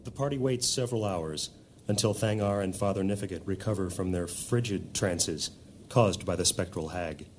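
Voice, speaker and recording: Male narrator for scripted high fantasy, low-pitched and solemn, descriptive read over faint ambience. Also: normal speed, slight background noise.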